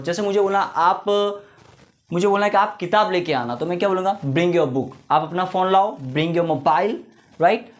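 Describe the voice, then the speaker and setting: A man teaching an English vocabulary lesson, mixing Hindi and English and repeating each word with examples. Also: high voice. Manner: addresses viewers as "guys", repeats each word with its meaning and example sentences; mixes Hindi and English, often ends points with "right".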